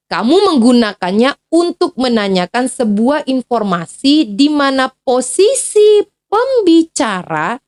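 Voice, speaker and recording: A woman from Indonesia explains an English grammar lesson in a relaxed, chatty teaching voice that sits a little high. She keeps correcting herself as she goes. The sound is close and dry, with no room echo. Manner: casual and chatty, with fillers and self-corrections.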